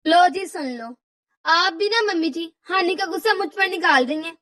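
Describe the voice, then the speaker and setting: A woman's voice: extremely high pitch, normal speed, a bit bright, no echo, recorded from a distance. A woman voicing a put-upon young daughter-in-law in a cartoon, explaining herself in an exasperated, pleading way. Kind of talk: cartoon voice acting.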